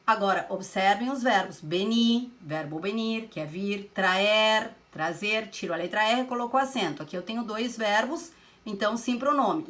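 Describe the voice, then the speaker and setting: Woman teaching a lesson in a higher register. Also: fairly bright tone. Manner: explains step by step, asks questions and answers them herself. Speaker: Spanish teacher. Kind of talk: recorded classroom lesson.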